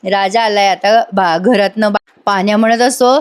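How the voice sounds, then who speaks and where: Woman review host, brisk recap, voices the characters herself. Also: mid-range voice, steady tone, clear, resonant tone. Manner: retells scenes, acting out the characters' lines. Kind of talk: casual spoken episode recap.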